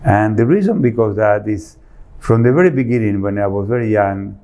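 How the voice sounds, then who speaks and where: Argentine man, low and mellow. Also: normal speed. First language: Spanish. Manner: earnest, searching for words, rephrasing. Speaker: architect guest. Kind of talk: interview answers.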